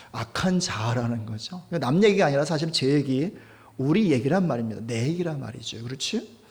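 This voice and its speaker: A male pastor delivering a Sunday sermon in a chatty style, asking his listeners questions and swinging from loud emphasis to hushed, near-whispered asides. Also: medium pitch. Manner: conversational preaching with frequent rhetorical questions. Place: church service.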